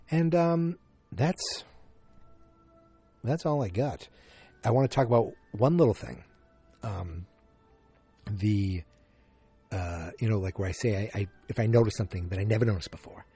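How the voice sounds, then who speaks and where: Faint music plays behind a Boston-accented Massachusetts man hosting a solo podcast. His lowish, husky, dark voice is animated yet unhurried, pausing often as he rambles, interrupts himself, restarts, and uses lots of fillers.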